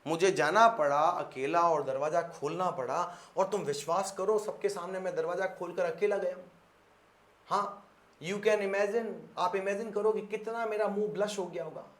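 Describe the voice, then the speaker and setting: A man from Rajasthan, India, with a Marwari-tinged Hindi accent, gives an animated bilingual lesson in a dramatic storytelling style, addressing his students directly. His high voice is steady and fairly bright at normal speed, recorded in an echoey room.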